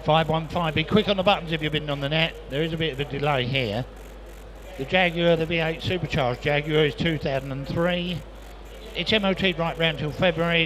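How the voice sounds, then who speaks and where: A man's voice: on the high side, fairly bright tone, a little hiss or hum. A man working as an auctioneer, chanting repeated prices and bid calls in patter at a live sale. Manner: repetitive patter of prices and bids. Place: busy auction sale room.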